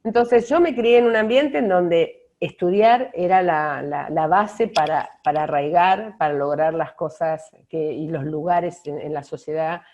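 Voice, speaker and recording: A middle-aged woman with an Argentine Spanish accent, answering interview questions thoughtfully with pauses and restarts. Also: fairly low pitch, a little mellow. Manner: thoughtful, many fillers and restarts. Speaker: author being interviewed. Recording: dull lo-fi audio.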